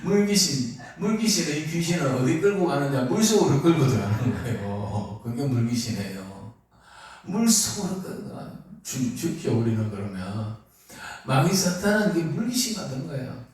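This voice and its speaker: A man's voice: medium pitch, normal speed. A man preaching a sermon as pastor, asking his congregation questions as he goes. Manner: lively, asks the congregation questions. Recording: echoey hall, mic far off.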